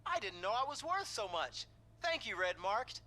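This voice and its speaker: A woman's voice: mid-range voice, very animated, normal speed, sharp tone. An actress playing a grateful female customer in a satirical commercial inside a video game.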